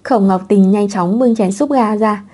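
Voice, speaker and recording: Một người phụ nữ đọc truyện audiobook bằng giọng đều đều, không vội vàng. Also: female voice, medium pitch, measured pace, mellow. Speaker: narrator. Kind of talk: audiobook narration of a web novel.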